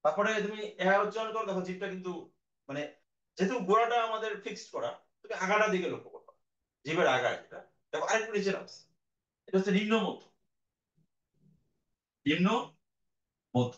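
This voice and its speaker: A man's voice: sits high, fairly bright tone. A male teacher giving a recorded class lecture, explaining patiently and sounding out vowels for his students. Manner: explains slowly, demonstrates vowel sounds aloud; addresses students directly, patient. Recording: dull, echoey room audio.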